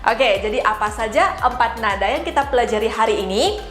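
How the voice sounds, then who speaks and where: A woman teaching a language lesson, demonstrating sounds and tones slowly and carefully. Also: a little high, animated, a bit bright, reverberant, soft background music. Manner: slow, careful, exaggerated tone demonstrations. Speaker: Mandarin teacher.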